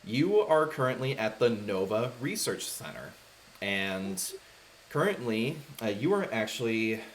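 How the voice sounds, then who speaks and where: Low-voiced, rambling male game master. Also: measured pace, a little hiss or hum. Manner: rambling, relaxed narration full of fillers. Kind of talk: narrating a tabletop game.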